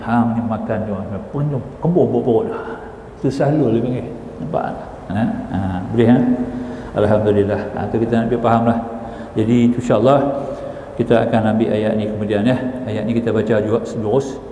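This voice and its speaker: An older man with a northern Malaysian Malay accent teaches a religious class, telling stories and often asking his listeners if they follow. His voice is mellow and dark. It rings out with long reverb in a large echoey hall. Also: lowish voice, fairly even intonation, a little fast, a little hiss or hum. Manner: keeps asking the audience "nampak tak?"; storytelling with quoted dialogue. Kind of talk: religious lecture.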